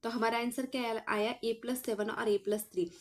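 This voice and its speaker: A woman's voice: on the high side, fairly even intonation, normal speed. Woman explaining a math lesson. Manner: explains aloud, asks the class questions and answers them herself; addresses students as children. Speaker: math teacher.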